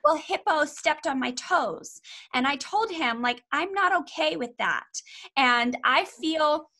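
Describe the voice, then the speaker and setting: Woman putting on a sweet little toddler girl, high bright voice, slow, gentle. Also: expressive, exaggerated voice. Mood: earnest. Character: sweet little three-year-old girl.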